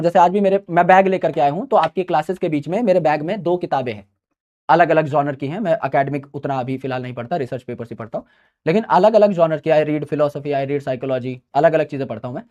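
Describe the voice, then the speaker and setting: A man's voice: fairly high pitch, quick pace, darkish tone, muffled recording. A male coaching teacher giving casual, brotherly study advice to students, often checking in with them as he talks. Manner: chatty, brotherly, checks in with "right?". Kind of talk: casual mentoring talk to students.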